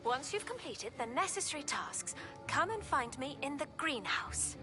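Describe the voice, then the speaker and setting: Game professor, a woman, inviting and brisk, faint music under her. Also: sits high, very animated. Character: woman professor offering to teach a spell. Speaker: game character teacher.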